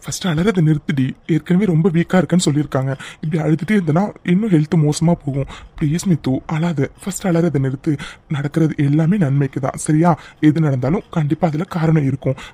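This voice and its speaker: A gentle cartoon husband, played by a man, pleads and soothes in a mellow, somewhat high voice. The sound is dry and close. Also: quick pace, husky, no room sound. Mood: soothing. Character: caring young husband comforting his wife. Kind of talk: cartoon voice acting.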